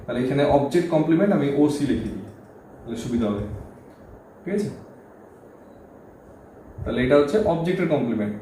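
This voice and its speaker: A man's voice: medium pitch, lively intonation, brisk, long pauses, warm tone. A man teaching English grammar in Bengali, explaining step by step and often checking "okay?" with his students. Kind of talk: board lesson explaining grammar. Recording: very echoey room, faint background hum.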